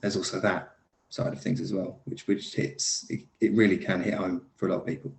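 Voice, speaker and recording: In an echoey room, a lead actor chats about his work at a fairly quick pace, his low, level voice showing vocal fry. He laughs easily and fills his talk with fillers and restarts.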